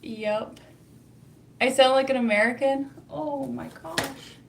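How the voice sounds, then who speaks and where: Reading out her viewers' comments, a young woman with a Canadian accent keeps her livestream chatty and full of laughter. She speaks slowly in a high-pitched, creaky voice.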